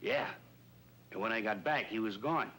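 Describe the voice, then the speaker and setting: This full character voice is lowish, creaky and bright, with a forceful tone, lively intonation and normal speed. The man plays a wary, folksy shopkeeper and robbery victim swindled in a 1950s police drama, hesitant and plain-spoken, earnest and rueful, on a noisy old film soundtrack.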